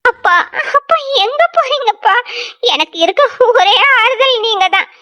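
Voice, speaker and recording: A woman's voice: very high-pitched, lively intonation, measured pace, sharp tone, full character voice. A woman voicing a mistreated, grieving young bride in a cartoon drama, crying and pleading. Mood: tearful. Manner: tearful and pleading.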